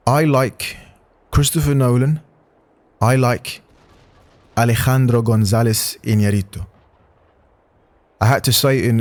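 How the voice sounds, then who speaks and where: A man reading online hot takes aloud and giving his own blunt, casual opinions on them, with swearing and frequent restarts. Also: on the low side. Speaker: narrator and commentator. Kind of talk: reading and reacting to posts.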